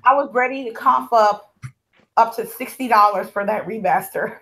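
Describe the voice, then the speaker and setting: A woman with a somewhat high voice hosts a gaming podcast over a video call. She talks in loose, eager slang, gushing about games she loves. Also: normal speed, pushed and bright, slight background noise, rough recording. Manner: enthusiastic, slangy gamer talk. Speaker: podcast host. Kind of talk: casual group chat over a call.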